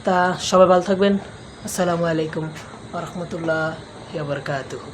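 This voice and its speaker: A man talks quietly to his phone camera in a cowshed at night, keeping his voice hushed for a casual vlog. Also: fairly high pitch, a little fast. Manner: speaking softly and hushed. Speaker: village lifestyle vlogger. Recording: noisy background.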